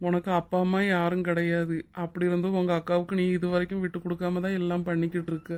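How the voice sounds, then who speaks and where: A woman voicing a kind, generous middle-aged husband in a cartoon drama, speaking in a warm, steady, reassuring way. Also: on the low side, quick pace, lightly acted. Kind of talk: Tamil cartoon drama voice acting.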